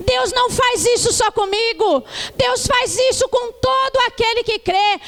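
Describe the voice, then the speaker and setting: A woman pastor preaching a sermon, telling her testimony with lively tag questions and calling the congregation to answer back. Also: very high-pitched. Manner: calls for congregational response. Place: church.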